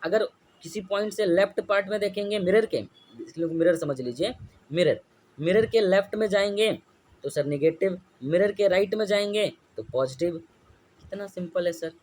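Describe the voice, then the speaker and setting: A man's voice: high-pitched, moderate pace, darkish tone, a little hiss or hum. A man teaching a class lecture. He keeps asking the students questions and answers them himself. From India.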